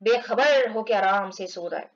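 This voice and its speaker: A woman explaining an English textbook story to children, reading the lines slowly and acting out the characters. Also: medium pitch, slight background noise. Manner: reads English lines slowly, explains in Hindi, acts out groans. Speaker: English teacher. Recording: dull lo-fi recording.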